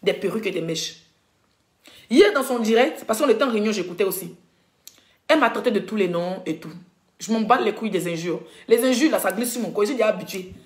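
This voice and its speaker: Coughing with a cold, a woman blogger speaks to her live stream audience in a heated, indignant rant. Her voice is medium-pitched, expressive, and fairly quick, recorded in an echoey room.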